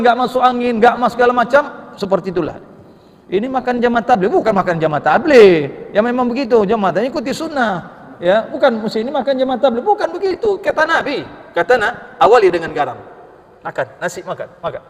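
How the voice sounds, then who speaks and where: High-pitched male preacher in a reverberant mosque. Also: fairly quick. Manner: lively storytelling with humor and rhetorical questions. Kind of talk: mosque sermon. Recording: long reverb of a mosque hall.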